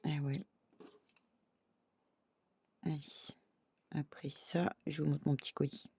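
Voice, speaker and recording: Woman crafter chatting away at her table, gravelly low-key voice, lots of little hop and voilà as she goes. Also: little pitch movement, takes it slowly, mellow. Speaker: craft vlogger. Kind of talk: casual crafting chat to viewers.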